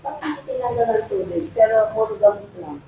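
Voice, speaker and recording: A woman's voice: a little high, expressive, a little fast, dark tone. A woman in the audience asking the doctor about her own symptoms. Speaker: audience member. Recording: echoey room with noise.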